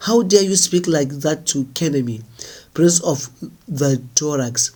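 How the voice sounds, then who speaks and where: A man's voice: on the high side, animated, a little slow, darkish tone. A man reading the part of a proud, mocking desert prince with a commanding manner.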